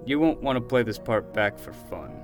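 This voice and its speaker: Animated, easygoing uncle played by a man. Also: mid-range voice, normal speed, over music, lightly acted. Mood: gently cautioning. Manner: casual, animated, teasing. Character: easygoing, good-humored adult uncle. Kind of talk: fiction podcast acting.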